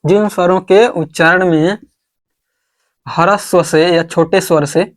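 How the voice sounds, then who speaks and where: Teaching at the board, a man asks the class questions only to answer them himself, saying words slowly again as he writes. His voice sits high with fairly even intonation.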